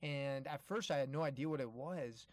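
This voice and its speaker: A man's voice: mid-range voice, normal speed, darkish tone, no room sound. A man giving an informal, earnest motivational talk, addressing listeners directly and repeating key phrases for emphasis. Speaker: motivational travel speaker.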